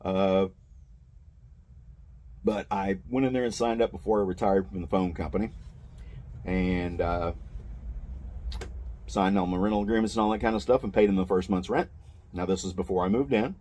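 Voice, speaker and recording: Low-voiced older man telling a grievance. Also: moderate pace, long pauses, darkish tone. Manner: plain-spoken, meandering, aggrieved. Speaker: mall booth vendor. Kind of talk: casual first-person storytelling.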